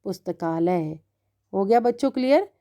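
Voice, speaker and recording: A woman's voice: mid-range voice, expressive, dark tone. A woman teaching a grammar lesson to children, explaining step by step and checking in often with the class. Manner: slow, drawn-out explaining with constant "है ना" checks. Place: online class recording.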